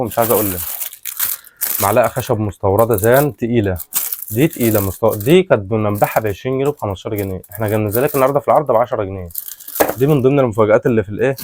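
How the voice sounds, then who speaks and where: A man with an Egyptian Arabic accent giving a casual, repetitive sales pitch, presenting products in colloquial patter addressed to customers. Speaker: shop seller, product presenter. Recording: clearly noisy, rustling and clicking handling sounds.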